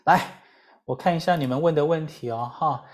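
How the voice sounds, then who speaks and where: A woman with a Taiwanese Mandarin accent giving a lively English lesson, full of rhetorical questions and repeated drills. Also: low voice, moderate pace. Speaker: English teacher. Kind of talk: lively lecture.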